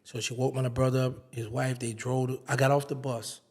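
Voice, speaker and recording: A man's voice: mid-range voice, brisk. A man, an interview guest telling a casual story and acting out the dialogue. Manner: animated storyteller, acts out quoted dialogue.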